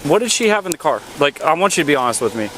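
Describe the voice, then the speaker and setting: A man's voice: a little high, very animated, very fast, crowd noise. A man speaking as a police officer, giving stern, repetitive commands and questions at a roadside stop. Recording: noisy outdoor police bodycam audio.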